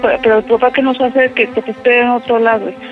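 A woman's voice: on the high side, little pitch movement, fast talker, phone-quality sound, faint music behind. A middle-aged woman with a Mexican Spanish accent, a mother on a prank call who defends her daughter and swears furiously. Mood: protective. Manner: protective, then furious and swearing.

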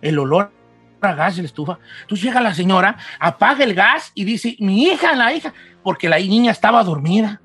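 A man's voice: a little fast, slightly rough, no room sound, soft background music. A man telling a ghost story, acting out the dialogue with many restarts. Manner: lively, acts out dialogue in raised pitch, many restarts.

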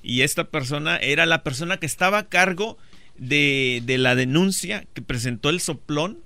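Bright-voiced man explaining political news. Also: fairly high pitch, expressive, no echo. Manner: explanatory, measured. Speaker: news commentator guest.

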